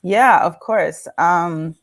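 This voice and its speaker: Low-voiced woman guest, candid and laughing. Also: very slow. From Dominican Republic. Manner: candid, laughs often, many um and like fillers. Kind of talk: casual interview talk.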